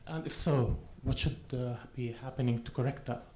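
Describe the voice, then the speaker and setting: A man puts a question to a panel from the audience, halting and searching for words with many fillers. His mid-range voice rings in a roomy hall, with faint noise behind. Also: mid-range voice, fairly even intonation, darkish tone. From Syria, Aleppo. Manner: hesitant, many fillers and restarts. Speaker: audience member asking a question.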